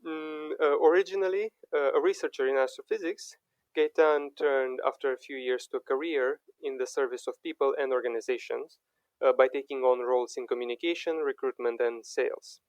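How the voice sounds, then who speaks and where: A man's voice: medium pitch, fairly even intonation, fairly quick, no echo, poor audio. A young man hosting a podcast interview, speaking with frequent fillers and restarts. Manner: hesitant, many fillers and restarts. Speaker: podcast host.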